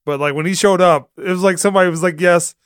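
Smooth-voiced man, dry close sound. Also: sits high, fairly even intonation, racing, no room sound. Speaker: podcast co-host. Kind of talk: casual chat.

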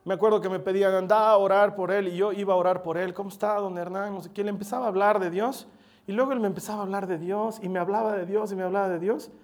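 A male preacher, with a fairly high voice for a man. He delivers an emphatic sermon, swinging between loud stresses and quiet drops. He often puts questions straight to his listeners. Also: fairly even intonation, racing. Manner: directly addresses listeners with questions.

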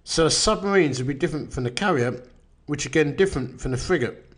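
A man's voice: a little high, animated, quick pace. A man with an Essex accent hosting a casual podcast with a blokey, bantering manner. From Essex, England. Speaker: podcast host. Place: echoey open-plan kitchen lounge at home.

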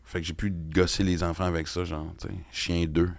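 A man's voice: sits low, flat delivery, a little fast. A man with a Québécois French accent hosting a casual chat, joking around. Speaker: podcast host.

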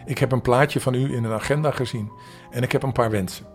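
An older man voicing a poor, hopeful eight-year-old boy in a storybook, his voice lifted higher. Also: fairly even intonation, fast, soft background music, natural voice. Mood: earnest.

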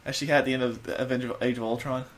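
A man co-hosting a casual podcast, talking in an animated, argumentative way. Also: mid-range voice, very fast. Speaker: podcast co-host. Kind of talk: casual chat.

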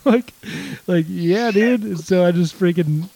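A man talking hunting in loose conversation, full of restarts and filler. His voice is mellow and a bit high, and the recording is dry and close. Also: takes it slowly, no room sound, poor audio. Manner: rambling, lots of fillers and restarts, says dude. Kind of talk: casual chat about duck hunting.

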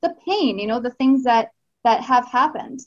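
Lady talking all earnest and heartfelt, kinda high voice, muffled remote audio. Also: expressive, normal speed. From Canada. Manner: earnest, heartfelt, many fillers and restarts. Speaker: guest, Tantra teacher. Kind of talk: casual podcast interview.

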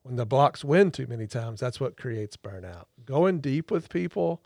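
A man's voice: medium pitch, expressive, moderate pace, gravelly, a little mellow, dry recording. A man with a mid-range voice teaches therapy technique with conviction, repeating words to drive points home. His voice sounds dry and close, with no room around it. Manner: emphatic, repeats words for stress. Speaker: podcast co-host, therapist trainer. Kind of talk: teaching explanation.

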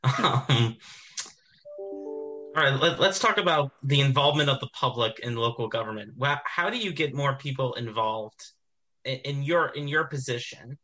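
A man's voice: mid-range voice, normal speed, bright, forceful tone, faint music behind, rough recording. A man asking an interview question informally, in a hesitant, apologetic manner.

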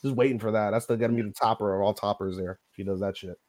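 A man's voice: lowish voice, racing. A man co-hosting a podcast, recapping an anime episode in casual chat, telling it animatedly and swearing freely. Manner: profane, animated storytelling. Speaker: podcast co-host.

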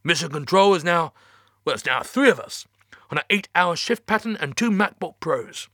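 A man voicing a nervous, flustered male space-program chief who babbles and repeats himself in a high, strained voice. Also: big pitch swings, moderate pace, gravelly, fairly bright tone, no room sound, studio quality, exaggerated voice. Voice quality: high strained voice, forced cheer.

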